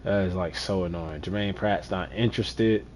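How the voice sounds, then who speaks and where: Low-voiced male streamer muttering through a rebuild. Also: normal speed, a little mellow, slight background noise. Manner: chatty, muttering to himself, exasperated rants. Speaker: gaming streamer. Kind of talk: casual gameplay commentary.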